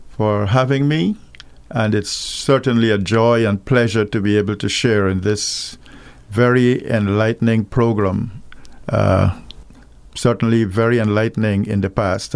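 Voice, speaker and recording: Slow, gravelly Guyanese man. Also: lowish voice, fairly even intonation, a little mellow, no echo. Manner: slow, measured and earnest. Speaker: guest minister. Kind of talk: radio call-in interview. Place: radio studio.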